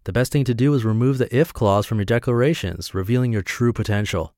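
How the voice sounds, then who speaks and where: A man from Montana, reading his reflective essays aloud in a measured, deliberate way. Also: mid-range voice, darkish tone, no echo, clean studio sound. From Montana, USA.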